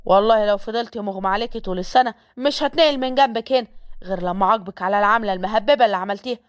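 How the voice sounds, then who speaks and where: A woman's voice: medium pitch, racing, voice pushed down, lightly acted. Woman playing a stern Egyptian male boss. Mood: menacing. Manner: commanding, scolding.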